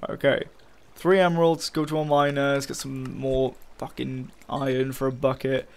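A man's voice: mid-range voice, level tone, normal speed, vocal fry. A young man giving casual, frustrated commentary while playing a game, swearing often and talking to his viewers. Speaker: gaming channel host.

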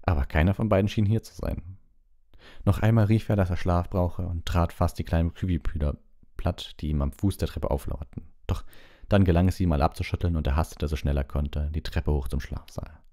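A man reading a storybook aloud as an audiobook, in a calm, measured storytelling manner with small slips. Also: low-pitched. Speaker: audiobook reader.

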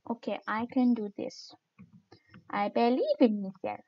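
A woman's voice: fairly high pitch, a little slow, vocal fry, highs cut off. A woman streaming her gameplay, chatting casually and mocking herself with giggles as she plays.

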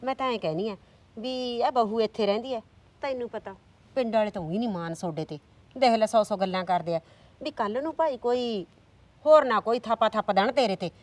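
A woman's voice: a little high, a little fast, close to an everyday voice. A woman playing a scheming middle-aged village aunt who nags, coaxes and stirs up trouble. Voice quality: loud, nagging, coaxing. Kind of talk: village drama acting.

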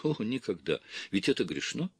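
A man's voice: on the low side, very animated, moderate pace, slightly rough, no room sound. A man reading an audiobook, voicing a young, innocent nun who answers earnestly and apologetically. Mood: earnest pleading.

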